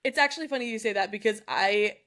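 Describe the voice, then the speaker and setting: A young adult woman talks through a book's chapters on a podcast she co-hosts. Her delivery is animated and chatty, broken up by frequent laughter and quick side remarks. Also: on the high side. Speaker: book club podcast co-host. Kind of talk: casual chat recapping a book.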